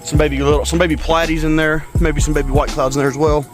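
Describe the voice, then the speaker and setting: A man's voice: fairly high pitch, flat delivery, fast. A man chatting casually as he tends backyard fish ponds outdoors, rambling and narrating each chore. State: out of breath. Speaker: pet keeper vlogger. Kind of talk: casual outdoor pet vlog. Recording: loud backing music over the voice. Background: hip hop music.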